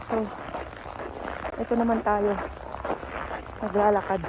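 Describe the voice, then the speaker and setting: A woman's voice: mid-range voice, flat delivery, slow, noisy background. Chatty woman vlogging on a snowy walk. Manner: chatty, gives friendly tips to viewers. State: out of breath while walking. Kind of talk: casual vlog narration. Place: outdoors in winter snow, walking.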